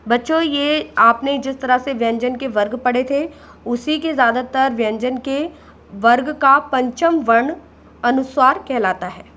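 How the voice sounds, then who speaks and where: A woman's voice: high-pitched, unhurried, a bit bright. A woman teacher giving a patient grammar lesson, repeating each word and addressing the children directly. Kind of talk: slow classroom explanation.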